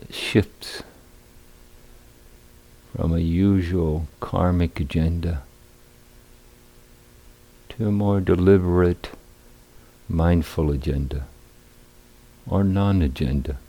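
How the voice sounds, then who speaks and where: This guided meditation comes from a male teacher at a retreat center whose voice is very deep and creaky. Short phrases arrive slowly and a bit hesitantly, with long silences between them, in a dark, mellow tone. The recording is rough.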